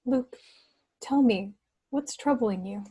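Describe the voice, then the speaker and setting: A troubled young princess, played by a woman, tender and guarded. The voice is fairly high and a little rough, in a film script table read over a video call. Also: takes it slowly, warm tone. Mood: concerned, wistful.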